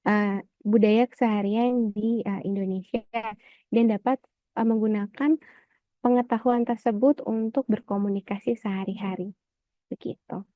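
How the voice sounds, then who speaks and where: A woman's voice: mid-range voice, fairly even intonation, normal speed, no echo, narrow, tinny audio. Woman presenter with lots of "eh" fillers. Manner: frequent "eh" fillers, closes points with "begitu". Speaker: webinar presenter. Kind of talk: explaining an e-book walkthrough.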